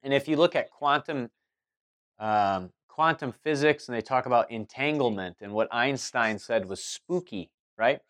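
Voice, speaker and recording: A man's voice: mid-range voice, unhurried, a bit bright. Rambling man musing aloud. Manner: rambling, many restarts and fillers. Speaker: spiritual talk host. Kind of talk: casual spoken monologue.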